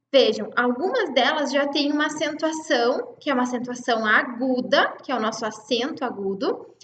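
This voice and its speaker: A Brazilian Portuguese woman teacher walks her students through a lesson with a high, bright voice. She explains patiently, one step at a time, and often stops to check that they follow. The recording sounds roomy and echoey, with a faint hiss underneath. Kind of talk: online class lecture.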